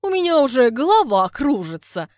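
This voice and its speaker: A woman voicing a loud, short-tempered village woman with a deep throaty voice, who snaps curt insults between pants. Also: sing-song, normal speed, no room sound, clean studio sound. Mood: scolding. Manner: shouting curt insults, panting.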